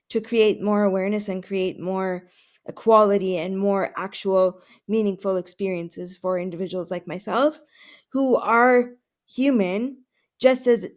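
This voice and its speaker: A Canadian woman whose first language is Russian answers podcast interview questions in an earnest way, using frequent fillers and correcting herself often. She has a mid-range, slightly mellow voice.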